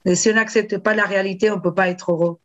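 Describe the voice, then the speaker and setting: A woman novelist talking in a casual interview, animated and digressive, with frequent restarts and fillers. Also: medium pitch, quick pace, dull audio. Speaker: novelist guest.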